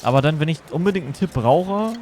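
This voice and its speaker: A man doing casual livestream game commentary, rambling and thinking out loud. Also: on the high side, animated, fast. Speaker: game streamer. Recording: clear background noise.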